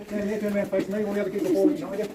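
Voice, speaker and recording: A man's voice: high voice, monotone, racing. A man working as a mine tour guide, explaining step by step in a demonstrative way inside an underground tunnel, recorded at some distance on a camera mic. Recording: echoey, noisy tunnel, voice off from mic.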